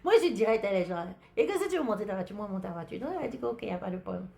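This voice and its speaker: A woman's voice: mid-range voice, rapid-fire, creaky. A woman from Africa with an African French accent, hosting a podcast and telling a personal story in a chatty way, talking straight to her listeners. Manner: chatty, talks straight to listeners, lively retelling. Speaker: podcast host. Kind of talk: casual storytelling monologue.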